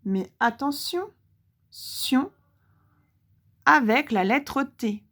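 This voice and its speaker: A woman teaching a lesson for young children with a French accent, speaking clearly and pausing to let the child answer. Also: high-pitched, lively intonation, fairly bright tone. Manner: slow, clearly articulated, pauses for the child to answer. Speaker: primary school teacher.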